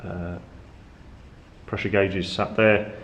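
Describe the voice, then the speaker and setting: A man's voice: low voice, level tone, slow pace, fairly bright tone, muffled recording. A man acting as tour guide, explaining machinery in an informal, unscripted way inside a ship's engine room. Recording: echoey metal room, background hum.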